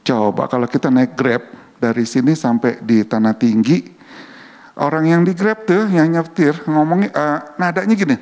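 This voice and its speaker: A man's voice: on the high side, moderate pace, a little mellow. Man teaching in a reverberant hall. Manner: chatty, keeps asking "ya kan?" to the audience. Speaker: church speaker on public relations. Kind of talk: conversational church teaching talk. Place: church hall.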